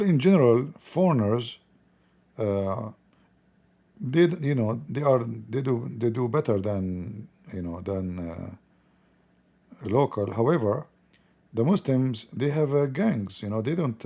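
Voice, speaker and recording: A man with an Arabic accent, a native Arabic speaker, giving blunt, informal political commentary in halting, repetitive non-native English. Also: medium pitch, dark tone. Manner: blunt, opinionated.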